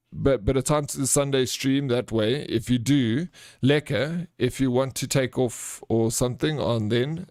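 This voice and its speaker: A man's voice: mid-range voice, darkish tone, clean tone, no echo, clean studio sound. A man with a South African accent hosting a livestream, chatting casually and answering viewers in a chummy, informal way. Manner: chummy, informal, calls viewers bro and friend. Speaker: livestream host.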